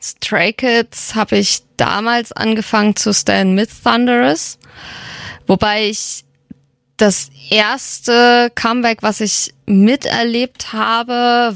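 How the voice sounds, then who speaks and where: A woman's voice: mid-range voice, steady tone, slow pace, vocal fry, fairly bright tone, clear, resonant tone, no room sound. A young woman radio host, chatting casually and enthusiastically as a fan, with many fillers. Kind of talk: casual radio chat about K-pop.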